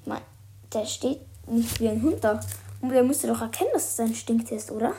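A woman's voice: fairly high pitch, moderate pace, dark tone. A woman reading a children's book aloud and commenting on it in a chatty, hesitant way. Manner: hesitant, many fillers, amused asides.

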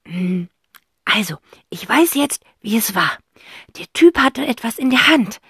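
A woman voicing an excited, sharp-witted girl detective in a children's audiobook. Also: a little high, a little slow, breathy edge, no echo, clean studio sound, voice pushed up, exaggerated voice.

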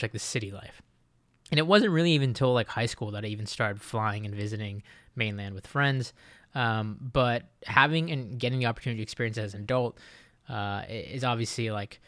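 A man's voice: medium pitch, fairly bright tone, no echo. A man in his late twenties from Japan, hosting a casual solo podcast and rambling with lots of fillers and restarts. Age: late 20s. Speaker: podcast host.

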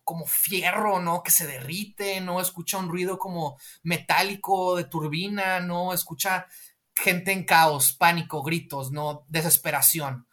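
A man casually pitching a film scene in a rambling way, tagging his lines with a question. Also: steady tone, unhurried, bright, forceful tone.

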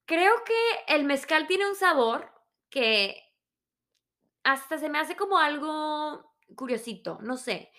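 A woman around thirty with a Mexican Spanish accent, telling stories in a casual, animated, self-mocking monologue. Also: sits high, slow. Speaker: vlogger.

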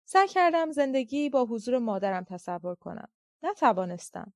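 A woman reading a literary novel aloud as an audiobook narrator, with a measured, reflective delivery. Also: on the high side, very animated, no room sound, studio quality.

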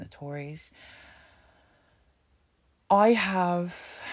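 A woman's voice: sits low, gravelly. A woman hosting a casual solo podcast, talking frankly and swearing a lot as she rambles. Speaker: podcast host.

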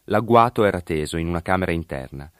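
A man narrating a biblical story in a measured, literary reading style. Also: low-pitched, lively intonation, fairly bright tone, clear, resonant tone, no echo, studio quality.

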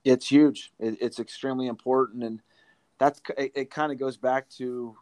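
Answering interview questions about his coaching, a college basketball coach lays out his philosophy forcefully and restates key points for emphasis. He speaks at a normal speed in a warm, steady, mid-range voice, captured in a dry recording.

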